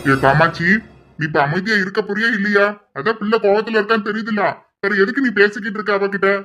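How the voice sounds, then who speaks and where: A woman's voice: mid-range voice, fast talker, fairly bright tone, lightly acted. Casual: woman doing a middle-aged dad, stern but caring, keeps pushing with questions, plain mid voice. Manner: questioning, insistent. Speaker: father in a family drama. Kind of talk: amateur audio drama acting.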